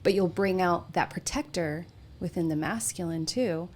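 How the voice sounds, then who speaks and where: A woman in a casual group discussion, speaking in a calm, steady, affirming way. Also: fairly low pitch, moderate pace.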